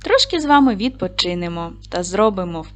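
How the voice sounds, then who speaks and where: A woman teaching a video lesson to young children, slow, patient and encouraging, reading word lists with a Ukrainian accent. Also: fairly low pitch, sing-song, fairly bright tone, faint music behind. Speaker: primary school teacher.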